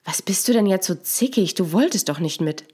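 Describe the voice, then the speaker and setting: A bewildered boyfriend who snaps back curtly, read by a woman. His tone is irritated and his pitch middling. The lines belong to a scripted audio story. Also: lively intonation, brisk, dark tone, slightly rough. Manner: curt, irritated.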